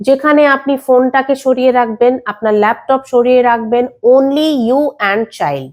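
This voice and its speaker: A woman speech and language pathologist with a Bengali accent, explaining children's speech development to parents in a clear, instructive way. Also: high-pitched. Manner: clear, instructive, mixes English terms into Bengali. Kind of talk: explaining to parents on a video channel.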